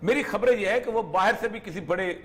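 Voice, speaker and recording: A man's voice: high-pitched, fairly bright tone. A man, a political analyst on a studio talk show, talking animatedly and acting out quotes in changed voices. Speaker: political analyst, program's regular guest.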